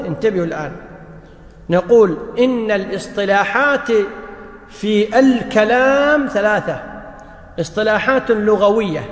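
A man with a very high voice lectures a class on scripture, putting rhetorical questions to his listeners. His voice carries through an echoey hall with a long reverb. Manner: addresses the audience directly, asks rhetorical questions. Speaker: religious teacher. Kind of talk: lecture on Quranic language.

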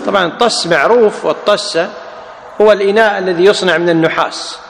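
High-voiced teacher in echoey hall. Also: male voice, fast talker, gravelly, a little hiss or hum. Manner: explanatory, repeats key words, quizzes the class. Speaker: teacher explaining a classical Arabic grammar text. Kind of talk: classroom lecture with questions to students. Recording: echoey hall with long reverb.

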